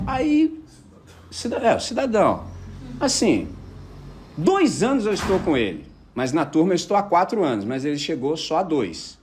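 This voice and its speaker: A man preaching a casual sermon, telling personal stories and checking with his listeners that they follow. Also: on the high side. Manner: animated storyteller, keeps asking the audience if they follow.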